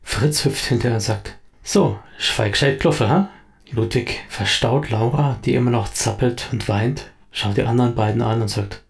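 Gravelly male story narrator. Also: medium pitch, steady tone. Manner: dramatic, brisk storytelling.

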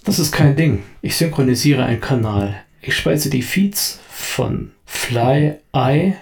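A man voicing an eager, bargaining decker speaking over loudspeakers. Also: mid-range voice, animated, takes it slowly, creaky, voice pushed up.

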